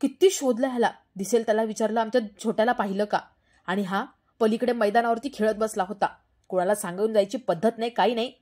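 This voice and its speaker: Woman doing strict elderly grandfather, stern, scolding, raised voice, fairly high-pitched. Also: darkish tone, close to an everyday voice. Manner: scolding, exasperated, fast-talking.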